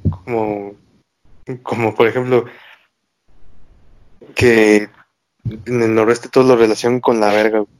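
A man's voice: fairly low pitch, little pitch movement, a little slow, long pauses, a little mellow, dry recording. Laid-back Mexico City guy, dry sound. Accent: Mexico City Spanish. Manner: laid-back, crude slang. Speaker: podcast co-host. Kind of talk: casual chat.

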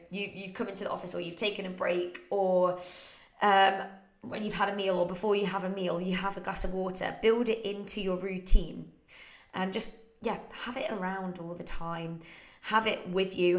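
A woman fitness coach and podcast host with a slightly croaky voice, chatting in a casual, encouraging way as she answers listener questions. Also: mid-range voice, roomy sound. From United Kingdom. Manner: chatty, encouraging, with frequent laughs.

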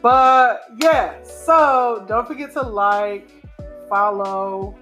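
A woman with a fairly high, slightly bright voice draws out her words while co-hosting a podcast from home, casual, animated and opinionated with many a "y'all." Soft music plays in the background.

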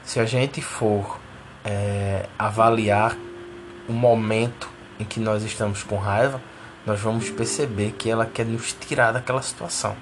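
A man's voice: fairly low pitch, steady tone, measured pace, noisy background. A man explaining a lesson step by step, repeating key words and checking in with the listener. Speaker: teacher of a spiritual course. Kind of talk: didactic explanation.

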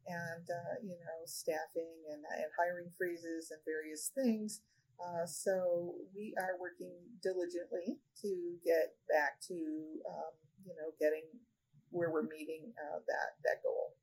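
A woman who directs a regional office of a state agency, answering interview questions in a measured way with many fillers. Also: on the low side, flat delivery, darkish tone, husky, poor audio. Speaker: regional director of a state human rights agency, podcast guest.

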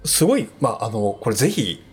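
A man chatting politely as a podcast guest, quick to agree and echo the others. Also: mid-range voice, very animated, slightly rough. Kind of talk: casual podcast chat.

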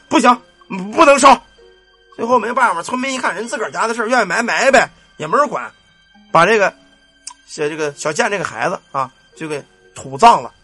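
Lively, earthy male ghost-story teller. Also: high-pitched, husky. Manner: colloquial, earthy, cursing, animated sound effects. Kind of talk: spoken ghost-story narration.

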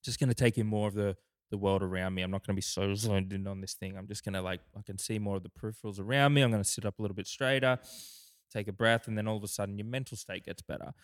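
A man's voice: on the low side, quick pace, smooth. A young adult man co-hosting a podcast, talking casually with many restarts and fillers. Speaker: podcast co-host. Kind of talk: casual chat.

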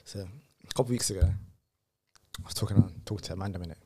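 Young male storyteller, London roadman accent, very brisk, slangy, conversational. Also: low voice, mellow, husky. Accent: London, urban multicultural street slang. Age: young adult. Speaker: conversation participant. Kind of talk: casual chat, anecdotal storytelling among friends.

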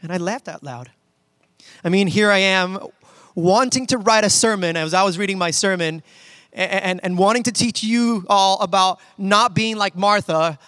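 Male pastor, sermon, higher voice, animated storyteller acting out characters, dry close sound. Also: moderate pace, no room sound. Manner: animated storytelling, acts out voices, laughs at himself.

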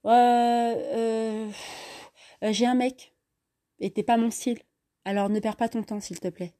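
A woman's voice: fairly high pitch, flat delivery, a little slow, warm tone, pitched above the performer's own voice, close to an everyday voice. A woman voicing a young female newcomer to the city, guarded and easily exasperated, in a raised, tense voice. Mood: irritated.

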